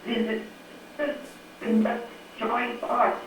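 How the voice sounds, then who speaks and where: A woman's voice: on the high side, little pitch movement, takes it slowly. A woman taking part in an online conference, speaking hesitantly and checking that she understood. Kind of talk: casual conference chat. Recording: very echoey, far from mic, faint hiss.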